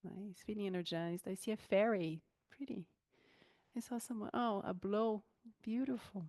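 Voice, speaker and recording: A woman hosting an online welcome session, chatting in a relaxed way with fillers and small laughs over a video call. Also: medium pitch, moderate pace, no room sound, studio quality. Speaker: online event host. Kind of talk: friendly facilitation on a video call.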